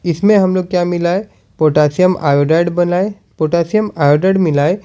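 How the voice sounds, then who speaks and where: A male teacher with a high-pitched but dark-toned voice gives a chemistry lesson. He repeats questions and answers them himself, slowing down as he writes.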